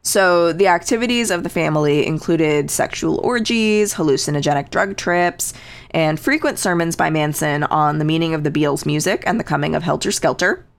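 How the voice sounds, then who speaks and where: A woman's voice: deep voice, moderate pace. A woman co-hosting a podcast, casually telling a true crime story with dry, sarcastic asides and lots of fillers.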